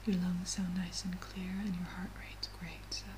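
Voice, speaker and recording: A woman in a soft, breathy whispered role-play as a medical examiner, giving gentle, reassuring instructions. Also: on the low side, flat delivery, moderate pace. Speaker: ASMR performer playing a medical examiner. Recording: clearly audible background noise.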